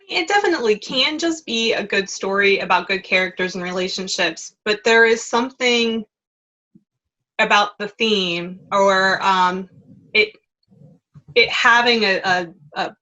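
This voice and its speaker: A woman's voice: medium pitch, bright, forceful tone. A woman talking as an editor on a panel, conversational and a little hesitant, with frequent "um"s. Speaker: magazine editor and panel guest. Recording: dull lo-fi call audio.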